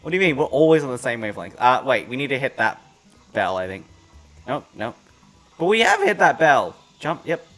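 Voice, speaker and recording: A man's voice: medium pitch, sing-song, fairly quick, a bit bright, faint music behind. A man hosting a casual gaming livestream, reading out quiz questions, laughing easily and upbeat. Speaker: livestream host and quiz master.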